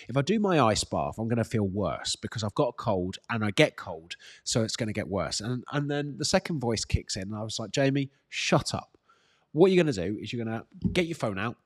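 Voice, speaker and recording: A British fitness coach with a fairly low, slightly congested voice, as if his nose is bunged up, runs a casual live Q&A. He reads out questions and gives direct, encouraging advice, repeating points for emphasis.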